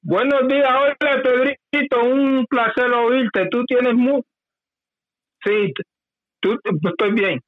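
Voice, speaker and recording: A man calling in to a live radio show over a phone line, halting and checking whether he is heard. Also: very high-pitched, fairly even intonation, no room sound. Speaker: caller.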